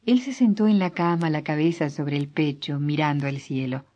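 Low-voiced woman reading a story. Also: normal speed, dark tone. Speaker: narrator. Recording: dull lo-fi recording.

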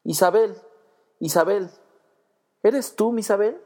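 A man voicing a gloomy bearded wanderer of about thirty who talks in a brooding, halting way, in a read-aloud story. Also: mid-range voice, warm tone, in a large hall, lightly acted. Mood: overwhelmed.

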